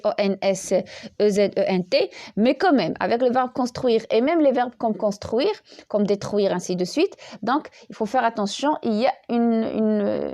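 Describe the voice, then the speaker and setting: Her voice sits on the high side with a darkish tone as she walks through French grammar. Spelling verb endings one letter at a time, she is patient but frequently repeats herself and starts over.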